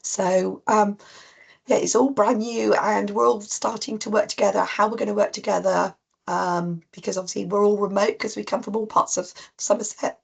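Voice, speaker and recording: A woman with a cold, husky and coughing, giving an informal online talk to practice teams with many ums and restarts. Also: medium pitch, fairly even intonation, normal speed. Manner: rambling with frequent ums and restarts. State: coughing, voice strained. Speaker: clinical lead presenting to practice teams. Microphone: video call.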